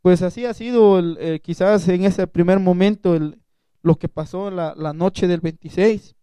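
High, mellow young Mexican man. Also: clear, resonant tone, no room sound. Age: young adult. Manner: retells events through quoted back-and-forth, halting restarts. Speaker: student survivor giving testimony. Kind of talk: personal testimony to a gathering. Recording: dull lo-fi recording.

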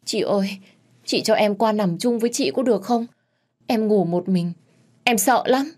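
A woman's voice: lowish voice, measured pace, dark tone. A woman voicing a frightened young maid who stammers and pleads in a timid voice. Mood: terrified pleading.

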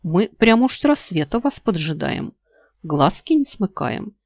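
A woman's voice: on the low side, sing-song, moderate pace, no echo. A woman voicing a sly, greedy male talking dog who whines and wheedles nasally, in a storybook reading. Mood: mock-sweet. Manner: whiny mock-beggar wheedling, nasal. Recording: slightly dull lo-fi audio.

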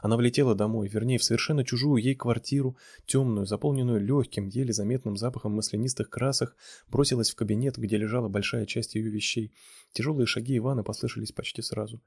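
A man reading a romance novel aloud in a steady, measured narration. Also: mid-range voice, vocal fry, slightly rough, dry recording, clean studio sound. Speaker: audiobook reader.

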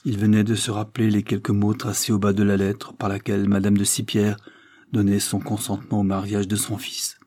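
A man reading a classic novel aloud as an audiobook, narrating in a measured, even way. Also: lowish voice, dry recording. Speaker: audiobook reader.

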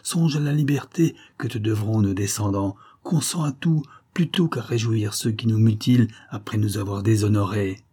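A man's voice: lowish voice, moderate pace, hardly any pauses, warm tone, husky. A man voicing a defiant young Carib warrior who pleads proudly with his father in an adventure story.

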